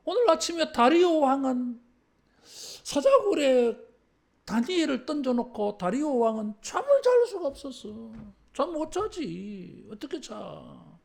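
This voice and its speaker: Preaching at a church service, this pastor has a high-pitched, gravelly, rather dark voice with a sing-song quality. The pace is measured with few pauses. The sermon feels like conversation, with a recurring filler word, calls for the congregation to repeat phrases, and shifts from formal to casual speech.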